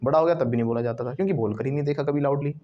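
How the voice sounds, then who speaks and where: A man teaching English to a classroom of students, drilling words loudly and laughing often. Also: mid-range voice, racing, muffled recording, crowd noise.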